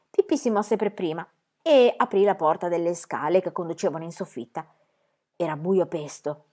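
A woman reads a children's story aloud with expressive, lively delivery. Her pitch sits in the middle of the range for a woman, and she shapes each sentence for young listeners. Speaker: reader of a children's book.

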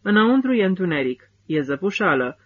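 A man's voice: high voice, sing-song, narrow, tinny audio, a little hiss or hum, pitched above the performer's own voice. A man voicing a stern male army officer who barks orders at his soldiers in an audiobook. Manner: curt, barking orders. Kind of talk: audiobook character voice.

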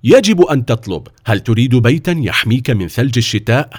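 A man's voice: mid-range voice, very animated, fast talker, husky. A man voicing a wealthy count and father, exclaiming and insistent as he presses his offers.

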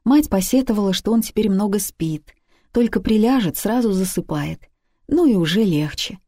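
A woman narrating a story as an audiobook reading, steady and even. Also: medium pitch, normal speed, no room sound, studio quality.

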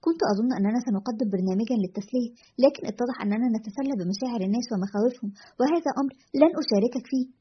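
A woman voicing an indignant woman radio producer who talks in a scornful, sharp manner. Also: fairly high pitch, racing, a little hiss or hum, close to an everyday voice. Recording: dull lo-fi recording.

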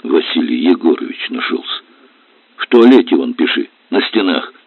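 A man's voice: deep voice, big pitch swings, moderate pace, vocal fry, no room sound, full character voice. A man voicing a blunt, short-tempered middle-aged river captain in a storybook reading. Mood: stern. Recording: tinny dry lo-fi audio.

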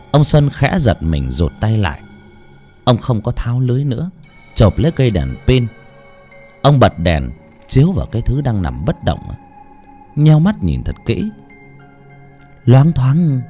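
A man narrating a horror audiobook in a dramatic, expressive way. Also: medium pitch. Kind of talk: scripted horror story narration.

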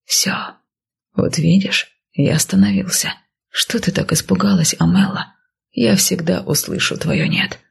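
Audiobook: woman doing a brash, teasing nobleman, hushed and smirking, gravelly and husky. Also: on the low side, big pitch swings, measured pace, exaggerated voice. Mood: soothing.

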